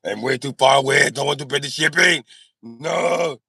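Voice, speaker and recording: A medium-pitched, gravelly voice with a sharp tone and a breathy edge comes from a man hosting a livestream at normal speed. He reads and answers comments in a brash, joking, slangy way with lots of swearing. The recording is dry with clean studio sound.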